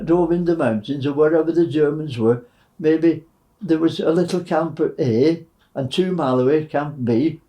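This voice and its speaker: A man in his nineties, a war veteran recounting wartime memories in a halting way, with many fillers. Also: fairly high pitch, warm tone, low-quality recording. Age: 90s.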